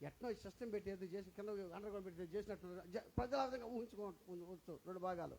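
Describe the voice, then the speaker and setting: A man's voice: sits high, quick pace, vocal fry, darkish tone, slight background noise, rough recording. A male pastor preaching an Easter sermon in a church, repeating phrases and firing questions at the congregation.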